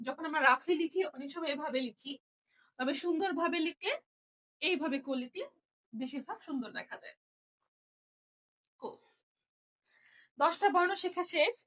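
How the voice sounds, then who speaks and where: A young woman with a very high, bright voice teaches a step-by-step writing lesson. She talks patiently and repeats each sound so learners can follow. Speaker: Japanese language teacher.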